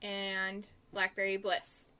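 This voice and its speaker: A woman's voice: medium pitch, monotone, slow pace, sharp tone, clean tone. A woman co-hosting a craft show, reading out viewer comments in a playful, teasing way. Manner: playful, teasing, laughs easily. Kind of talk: casual chat.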